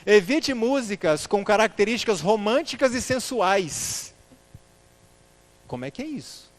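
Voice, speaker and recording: Man, church speaker, high-pitched, rhetorical questions, addresses the brothers. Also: very animated, measured pace. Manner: asks the audience rhetorical questions, calls them brothers. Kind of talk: church lecture on music.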